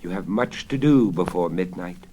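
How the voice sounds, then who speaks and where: A man's voice: deep voice, lively intonation, normal speed, warm tone. A man voicing a desperate, lovesick king with impassioned, commanding theatrical delivery in a storybook reading on crackly vinyl. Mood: impatient. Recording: crackly 1970s vinyl spoken-word record.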